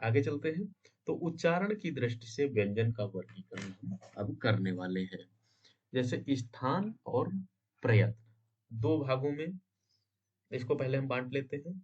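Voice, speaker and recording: A man's voice: medium pitch, lively intonation, a little slow, a little mellow, breathy edge. A man teaching an exam-prep grammar lesson, asking himself questions and answering them, often checking in with his students. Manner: checks in with "है ना?" and "समझे?". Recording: dull lo-fi sound.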